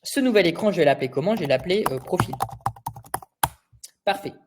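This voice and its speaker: A young man teaching a live design software tutorial, chatty, walking through each step and asking his viewers rhetorical questions. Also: high-pitched, lively intonation, a little fast, background noise. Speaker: design instructor. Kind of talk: live screen-share tutorial.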